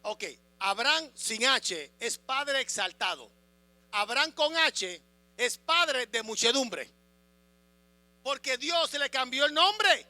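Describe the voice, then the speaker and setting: A man preaching a sermon as a pastor, swinging between loud proclamation and quiet asides, asking the congregation questions. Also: extremely high pitch, lively intonation, slow pace, no room sound. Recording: music and mains hum behind.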